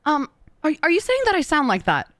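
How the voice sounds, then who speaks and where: A woman from Texas chatting as a podcast guest, animated and giggly. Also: high-pitched, a little fast, no room sound, clean studio sound. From Texas, USA. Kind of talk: casual podcast chat.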